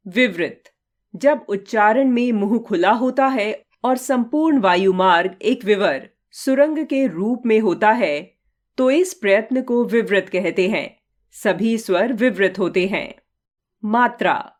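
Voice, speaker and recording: Woman, grammar teacher, unhurried dictation of definitions and example lists. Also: medium pitch. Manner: measured, dictating lists item by item. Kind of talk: slow read-aloud grammar lesson.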